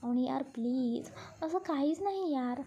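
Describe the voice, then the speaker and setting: A woman's voice: high-pitched, fairly even intonation, mellow, lo-fi sound. A woman voicing a bubbly, bashful girlfriend. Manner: pleading, hurried. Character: young woman, bubbly friend, shy about romance.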